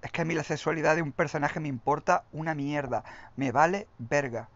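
A man's voice: a little high, a little fast, a bit bright, no echo, highs cut off. A young man with a Spain Spanish accent, ranting as a gaming commentator in a profane, mocking and emphatic way. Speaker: gaming youtuber.

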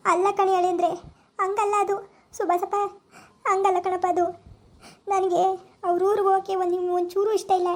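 A woman's voice: very high voice, little pitch movement, moderate pace, pauses often, darkish tone. A woman voicing a grieving older mother-in-law who pleads through tears in a village family drama. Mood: tearful lament. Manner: pleading, sobbing complaints. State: crying.

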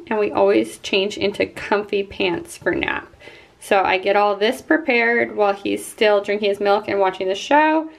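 Chatty mom vlogging at home. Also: female voice, medium pitch, vocal fry. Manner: chatty, switching to sing-song coaxing with her toddler. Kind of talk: casual home vlog narration.

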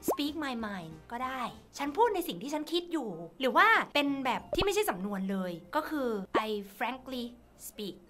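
A woman's voice: sits high, sing-song, unhurried, few pauses, a bit bright, soft background music. A woman streamer chatting casually and reading fan lines aloud, giggly and playful, laughing often. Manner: playful, teasing. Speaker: virtual streamer.

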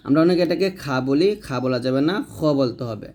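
A man teaching Arabic letter pronunciation, patiently repeating each sound slowly for learners to copy. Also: medium pitch, a little mellow. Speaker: Quran reading teacher. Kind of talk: step-by-step pronunciation lesson.

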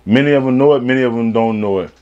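A man's voice: medium pitch, racing, mellow, lo-fi sound. A man from Miami hosting a casual interview, friendly and slangy as he prompts his guest with questions. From Miami, Florida. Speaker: interviewer, host.

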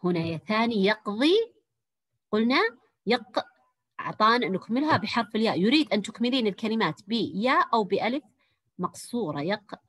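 In an online Arabic class for young girls, a primary school teacher with a voice on the high side sounds lively and supportive. She gives warm praise and draws out her encouraging words.

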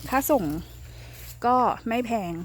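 Speaking slowly over slight background noise, a woman selling for an organic farm gives a casual demonstration of checking watermelons in a field. Chatty and courteous, she uses polite particles as she taps the fruit and listens.

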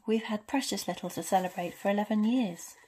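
A woman voicing a gentle, whimsical male wizard professor from a storybook, mild, courteous and unhurried. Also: medium pitch, breathy edge, lightly acted. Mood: gentle, amused. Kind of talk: storybook character reading.

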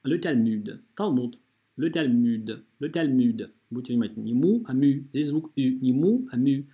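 This French teacher's voice-over on a screen recording is narrow and tinny, with soft music behind it. His mid-range voice is expressive and moves at a moderate pace as he patiently breaks model phrases into syllables to demonstrate pronunciation.

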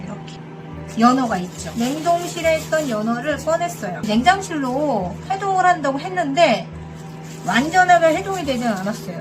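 A woman cooking vlogger giving casual step-by-step narration, chatty and polite as she talks straight to viewers. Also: high voice.

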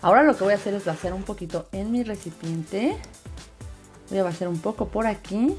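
Female craft tutorial narrator, medium pitch, casual, repeats words for emphasis, light music bed. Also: lively intonation, brisk, darkish tone. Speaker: host of a slime craft channel. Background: background music.

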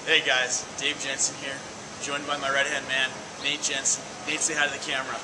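A man's voice: mid-range voice, completely flat delivery, a little fast. A young man in his twenties hosting a road-trip vlog in a jokey mock-anchor style, filmed outdoors on a handheld camera. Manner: jokey, mock-formal sign-offs. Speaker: vlog host. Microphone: handheld camera mic. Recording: outdoor camera audio with wind noise.

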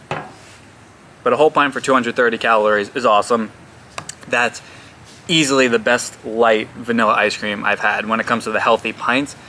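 A young man talks through a food review outdoors in a chatty, self-deprecating way, tripping over unfamiliar names. His voice is bright and a little tense, sitting at a middle pitch for a man. Faint outdoor noise sits behind him. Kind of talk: casual vlog review.

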